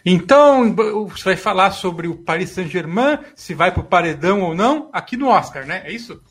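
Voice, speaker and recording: Male podcast host, Brazilian Portuguese accent, high-pitched, casual delivery, light music underneath. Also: animated, normal speed, a bit bright. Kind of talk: casual betting podcast talk.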